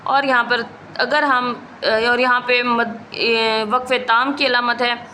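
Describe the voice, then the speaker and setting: A woman recitation teacher with a bright, slightly high voice works through each rule methodically, repeating it for her students. There is a faint hiss of noise behind her. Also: level tone, takes it slowly. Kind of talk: step-by-step recitation rules lesson.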